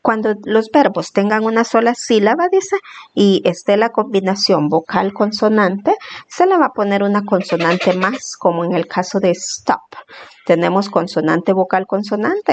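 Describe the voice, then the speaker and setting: A woman's voice: medium pitch, lively intonation, moderate pace. A woman teacher who explains a lesson patiently and step by step, repeating examples as she goes. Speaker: English teacher.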